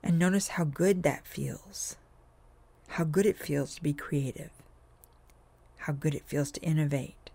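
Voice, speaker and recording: Slow, gravelly-voiced man guiding hypnosis. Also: a little high. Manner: slow, soothing, drawn-out phrasing with soft whispered stretches. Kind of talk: guided hypnosis script.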